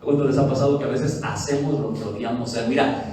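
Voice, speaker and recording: A man preaching a lively sermon as pastor, who acts out quotes of church members. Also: medium pitch, quick pace. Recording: echoey hall heard from a distance with faint music.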